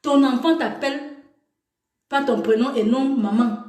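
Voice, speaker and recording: A woman's voice: high voice, a little slow, a little mellow, roomy sound. Teasing woman mocking a livestream. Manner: teasing and scolding, laughing in between. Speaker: video commentator. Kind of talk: mocking reaction commentary.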